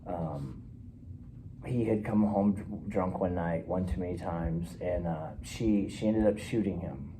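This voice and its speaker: A man's voice: low voice, noisy background. A man playing a weary middle-aged client. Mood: subdued. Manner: hesitant, halting, quietly earnest. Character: troubled fifty-one-year-old man sent by court. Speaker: client in a counseling role-play. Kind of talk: counseling role-play.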